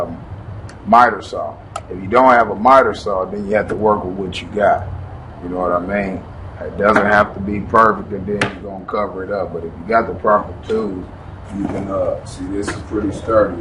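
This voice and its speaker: A man's voice: low voice, steady tone, normal speed. A man hosting a do-it-yourself video, explaining a build in a loose, chatty way and talking straight to his viewers. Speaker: DIY video host. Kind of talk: casual how-to instruction. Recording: distant camera mic with loud outdoor noise.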